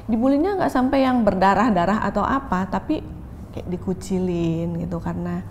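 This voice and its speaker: A woman's voice: mid-range voice, normal speed, darkish tone, a little hiss or hum. A woman, a pastor telling her own story openly in an interview, often dropping English phrases into her talk. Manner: open, reflective, switches into English phrases. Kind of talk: candid interview testimony.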